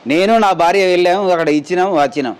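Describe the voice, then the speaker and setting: High-voiced man retelling. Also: quick pace, clear, resonant tone. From Telangana, India. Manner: plain rambling retelling, quotes others in dialogue. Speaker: injured mine worker telling his story. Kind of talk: spoken testimony to a news camera.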